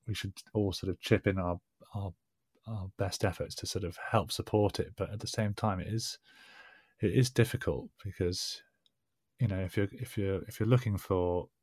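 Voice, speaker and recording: A man's voice: deep voice, fairly even intonation, normal speed, a little mellow, dry recording, studio quality. A man hosting a casual podcast interview, talking in a hesitant, rambling way. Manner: hesitant, rambling, with many fillers and restarts. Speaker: podcast host.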